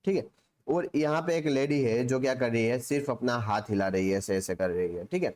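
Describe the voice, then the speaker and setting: In a darkish, medium-pitched voice and a slightly fast pace, a man lectures on biology in Hinglish. He leans on rhetorical questions he answers on his own, repeats himself, and says "theek hai" again and again.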